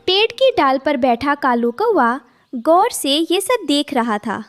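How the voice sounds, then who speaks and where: A woman's voice: high-pitched, sing-song, slow, no room sound, clean studio sound. A woman narrating a scripted children's cartoon story.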